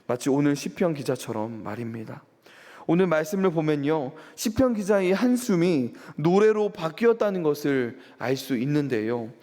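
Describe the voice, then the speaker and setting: A man's voice: sits high, darkish tone. A man preaching a sermon as pastor, asking his congregation questions and rising for emphasis. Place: church sanctuary. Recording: long church hall reverb.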